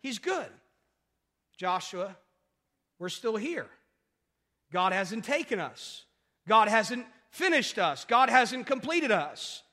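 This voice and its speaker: Male pastor, emphatic sermon delivery with rhetorical questions, pitch rising and falling a lot, recorded in a reverberant sanctuary. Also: big pitch swings, slow pace, long pauses, bright, forceful tone.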